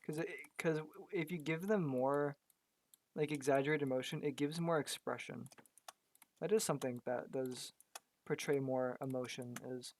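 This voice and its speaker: A man's voice: medium pitch, normal speed, a little hiss or hum. A man giving casual commentary while he works on a digital art piece. He thinks aloud and often repeats words, and his voice is going because he is losing it. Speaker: graphic artist.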